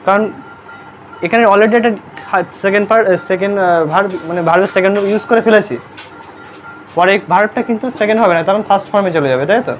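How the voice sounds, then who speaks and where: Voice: mid-range voice, quick pace. A grammar teacher giving a live classroom lesson, constantly quizzing pupils, checking they understand and spelling words out letter by letter. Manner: sternly scolds noisy pupils.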